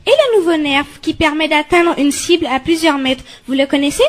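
A wife hooked on advertising who can't stop pitching products, played by a woman in an amateur radio skit. She talks in a high voice with pushy, gushing enthusiasm. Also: animated, normal speed. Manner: pushy, gushing sales talk. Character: ad-obsessed chatty immigrant wife.

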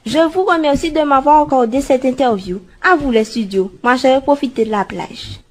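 An easygoing reporter out on a sunny beach, acted by a woman in an amateur radio skit. She reports at a leisurely pace in a high voice. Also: moderate pace, natural voice.

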